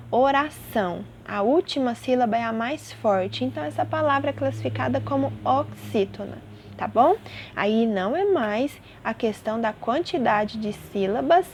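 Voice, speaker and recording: A woman teacher walks young students through a lesson, slowly and patiently. Her voice sits a little high. She keeps checking that they follow, over a faint hum of background noise. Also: a little mellow. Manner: patient, repeats terms and checks in with "tá bom?". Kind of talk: classroom lesson explanation.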